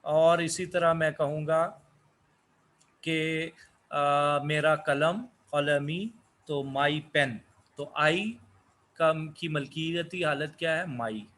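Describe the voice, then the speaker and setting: A man whose first language is Urdu, giving a slow English lesson, asking questions and answering them himself. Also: fairly high pitch, steady tone, fairly bright tone. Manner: asks questions then answers them, repeats words. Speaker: English teacher.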